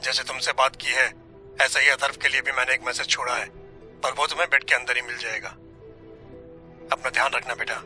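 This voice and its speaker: A middle-aged father's recorded farewell in an audio story, voiced by a man, grave and apologetic. His voice is bright and sharp-edged, with a soft music bed behind it. He speaks solemnly, handing over instructions before saying goodbye. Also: mid-range voice, little pitch movement, a little fast, pauses often. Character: dying father leaving a recorded farewell message, grave and regretful.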